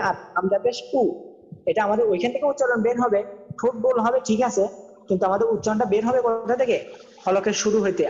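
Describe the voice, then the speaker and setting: A man's voice: high-pitched, darkish tone, in a large hall, a little hiss or hum. A man teaching an online Quran recitation lesson, patiently repeating himself and spelling letters aloud in drills, over lo-fi video call audio.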